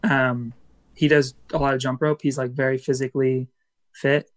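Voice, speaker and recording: Speaking as an interview guest, this band musician rambles casually, dropping in fillers and short bursts of laughter. He has a mid-range voice with little pitch variation.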